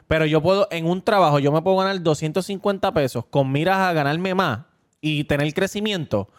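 High-voiced blunt Puerto Rican co-host. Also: male voice. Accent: Puerto Rican Spanish. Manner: blunt, profane, emphatic. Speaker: podcast co-host. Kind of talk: casual podcast chat.

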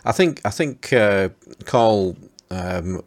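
Male podcast co-host, deep voice, hesitant, lots of restarts. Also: animated. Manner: hesitant, halting, many restarts and fillers. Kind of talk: casual chat.

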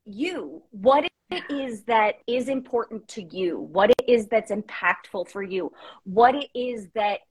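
A woman in her thirties talks as a podcast guest, and her voice sits a little high with a husky, breathy edge. She tells candid stories in a lively, casual way and scatters fillers through her sentences. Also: a little slow, poor audio. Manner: candid, animated storytelling with many "like" fillers. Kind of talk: casual chat.

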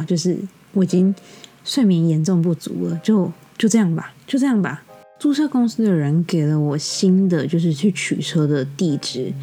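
A young woman with a Taiwanese Mandarin accent, hosting a podcast and telling a story in an exasperated, lively way. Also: deep voice, breathy edge. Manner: exasperated, animated retelling with quoted dialogue. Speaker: podcast host. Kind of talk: casual storytelling monologue. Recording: soft music bed behind. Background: faint background music.

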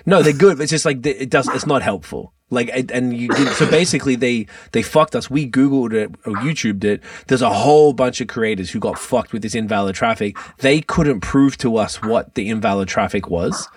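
A man's voice: medium pitch, a little fast, few pauses, no echo, recorded from a distance. A man chatting casually and bluntly as a podcast host, with plenty of slang and swearing. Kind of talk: casual chat.

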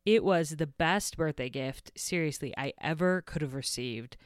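A woman's voice: deep voice, moderate pace, smooth, no echo, studio quality. A woman hosting a podcast, reading a scripted introduction. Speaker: podcast host.

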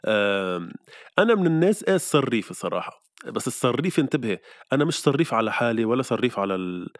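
A man with a Lebanese Levantine Arabic accent chats casually on a podcast at a brisk pace. His voice sits slightly low, and he is playful, often repeating phrases to make a point. The recording is dry and free of room sound. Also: expressive, no echo.

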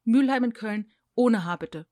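A woman's voice: a little high, unhurried, no echo, clean studio sound. Pedantic woman spelling out words. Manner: self-deprecating and animated when explaining. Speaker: podcast co-host. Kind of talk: casual chat.

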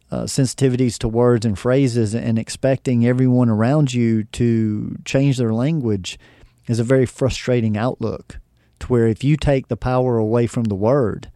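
A man's voice: medium pitch, warm tone, no room sound, clean studio sound. A man talking on a podcast, explaining ideas in a reflective way with frequent fillers and acted-out remembered conversations. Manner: acts out remembered dialogue. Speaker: podcast guest teacher. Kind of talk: casual podcast talk.

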